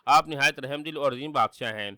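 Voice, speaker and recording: A man's voice: mid-range voice, pushed and bright, no room sound, studio quality. A man doing a grovelling sorceress queen. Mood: pleading. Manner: pleading, grovelling.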